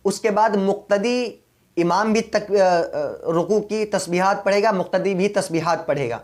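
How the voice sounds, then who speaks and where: A man with an Urdu accent, a mufti, giving religious instruction on prayer step by step and patiently, repeating the key points. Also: high-pitched. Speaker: mufti teaching prayer rules.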